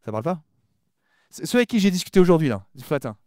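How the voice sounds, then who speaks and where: Male conference speaker, rapid-fire and mumbly, mellow tone, dry close sound, lots of repeats and restarts. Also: fairly high pitch, sing-song, dry recording. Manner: talks fast and mumbles his words; often repeats words and restarts sentences. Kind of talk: lively conference talk addressing the audience.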